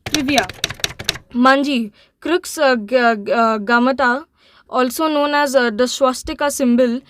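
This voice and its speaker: A woman hosting an anime channel, reading a scripted manga summary, halting, with frequent fillers and restarts. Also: high voice, a bit bright, no room sound.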